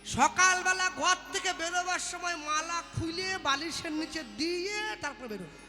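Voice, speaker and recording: A man's voice: very high voice, normal speed, sharp tone. A man preaching a devotional sermon, full of rhetorical questions and mock dialogues. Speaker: kirtan singer and preacher. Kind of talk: devotional sermon with acted asides. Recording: live hall reverb with faint music.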